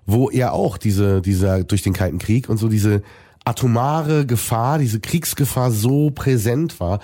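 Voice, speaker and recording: A man in an interview, talking earnestly and reflectively with many pauses and restarts. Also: on the low side, mellow. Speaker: musician guest. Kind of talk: conversational interview.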